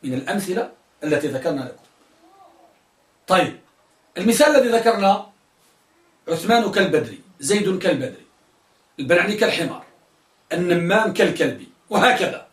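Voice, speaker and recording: A man's voice: high-pitched, expressive, brisk, long pauses, a bit bright. A male teacher giving a classroom lesson, questioning students and drilling their answers. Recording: echoey room, mic at a distance.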